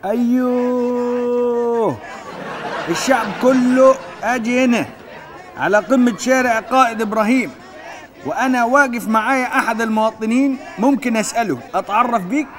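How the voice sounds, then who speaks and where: A man playing an earnest Egyptian TV correspondent, giving a parody breaking-news live report in a loud, formal, mock-serious way. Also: very high voice, moderate pace. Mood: brisk, official. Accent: Egyptian Arabic. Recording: loud crowd noise behind.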